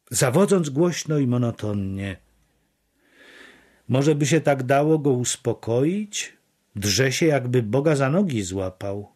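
A man reading literary prose as an audiobook, measured and deliberate. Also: mid-range voice, a little mellow. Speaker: audiobook narrator.

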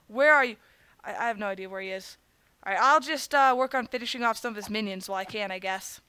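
A woman's voice: mid-range voice, fast, sharp tone, smooth. A woman giving let's-play commentary, trash-talking enemies with theatrical, playful mock threats. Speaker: gaming video creator.

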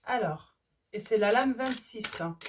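A woman with a slightly high, hoarse voice reads oracle cards in a casual, halting way, full of fillers and restarts. She sits a little back from the microphone, so her voice sounds somewhat distant. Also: a little hiss or hum. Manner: hesitant, many fillers and restarts. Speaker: tarot reader. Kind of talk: casual card-reading video.

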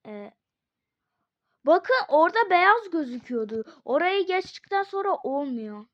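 A young woman giving casual gameplay commentary, excitable, swearing and shrieking at the game. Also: extremely high pitch, a little slow. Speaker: gaming video creator. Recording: dull lo-fi sound.

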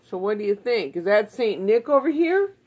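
Very animated yet speaking at normal speed, a woman with a medium-pitched, slightly mellow voice encourages a child-like audience with short, simple questions during a home puppet show. She's in the living room near the Christmas tree, and a phone camera sits a short way off.

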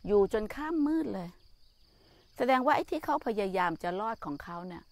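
An older woman, a Buddhist nun, giving a gentle, motherly talk about nature and mindfulness while walking outdoors. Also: mid-range voice, lively intonation, normal speed, no room sound. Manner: gentle, motherly, speaks to listeners as children. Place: outdoors in a garden with trees.

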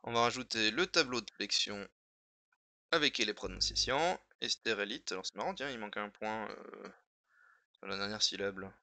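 A man with a gravelly edge and a very bright, tense tone, talking casually on a live stream. He thinks aloud, muttering and repeating words as he works, and tosses chatty asides to his viewers. The sound is close and dry. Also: on the low side, normal speed, no echo. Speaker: streamer editing a dictionary wiki live.

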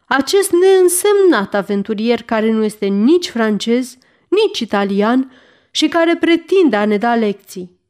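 A woman's voice: fairly high pitch, animated, a little mellow, natural voice. This is a proud king whose authority has been crossed, speaking with a demanding, commanding edge and barely held-back fury. A woman reads his lines aloud in an audiobook. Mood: furious. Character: angry proud French king, middle-aged man.

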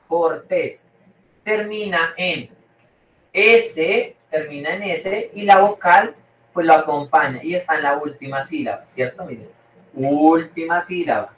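A teacher talks slowly and patiently, repeating each point and checking that the class follows along. The voice sits back from the mic in an echoey room, like a distant online class. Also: mid-range voice, fairly bright tone, a little hiss or hum. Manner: repeats and checks with "¿cierto?" and "¿listo?".

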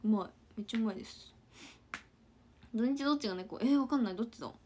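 A woman chatting casually on a livestream, talking back to viewer comments and dropping into soft murmured asides. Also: on the high side, fast talker. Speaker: idol trainee livestreamer.

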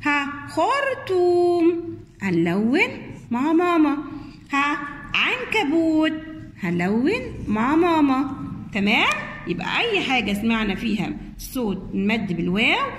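An Egyptian woman teaching young children, stretching out syllables in a coaxing sing-song. Her voice is high and very lively, and the room around her echoes. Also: slight background noise. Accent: Egyptian Arabic. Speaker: kindergarten teacher. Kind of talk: children's lesson, sounding out syllables.

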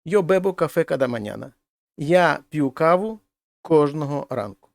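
A Spanish teacher walks through grammar step by step, translating each example sentence in his language lesson. His voice is a little high, animated, and gravelly at normal speed, on a dry recording.

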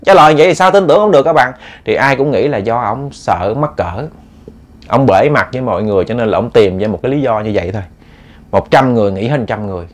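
A man's voice: medium pitch, lively intonation, quick pace. Southern vietnamese guy telling a ghost story, chatty, talks right to the listeners, does the quotes in little voices. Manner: chatty, addresses listeners directly, acts out quoted lines. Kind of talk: casual storytelling.

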